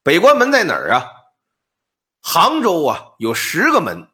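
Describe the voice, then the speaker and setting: A man telling an old ghost story on a podcast, explaining details in an animated, comic patter. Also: a little high, a little slow. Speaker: storyteller, co-host.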